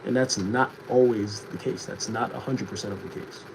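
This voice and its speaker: A young man streaming casually without a proper mic, animated one moment and low and reflective the next as he talks to his chat. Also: moderate pace. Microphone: no proper mic, built-in device mic. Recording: noisy stream audio.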